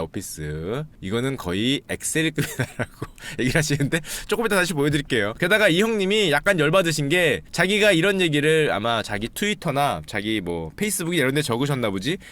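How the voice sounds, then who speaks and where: A man giving casual, jokey commentary, animated and often acting out what others say. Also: fairly high pitch. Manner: animated, jokey, acts out quotes; frequent laughter, banter-like asides.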